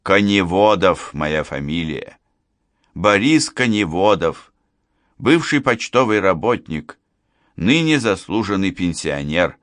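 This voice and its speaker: A man's voice: sits low, animated, slow pace, fairly bright tone, no echo, clean studio sound, full character voice. A man voicing a fretful, talkative retired postman, older and self-pitying, in an audiobook. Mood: plaintive. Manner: plaintive, wordy, self-pitying.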